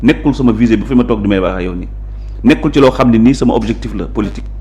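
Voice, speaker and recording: A local politician speaks rapid-fire in a lowish, slightly mellow voice with a Senegalese accent. Appearing as a guest in a conversational interview that mixes Wolof and French, he defends his views in an assertive, emphatic way.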